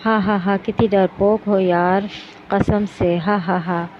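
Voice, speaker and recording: A woman's voice: medium pitch, fairly even intonation, slow pace, natural voice. A mischievous teenage boy who teases and hams it up, played by a woman reading a novel. The recording is dull and lo-fi, with background noise throughout. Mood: mocking. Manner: mocking, melodramatic.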